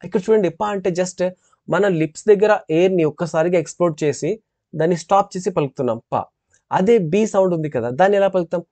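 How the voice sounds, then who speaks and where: Telugu-accented man teaching phonetics, mellow voice. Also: sits high, no room sound. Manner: explains step by step, repeating sample sounds slowly. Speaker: English teacher. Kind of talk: classroom lecture on phonetics.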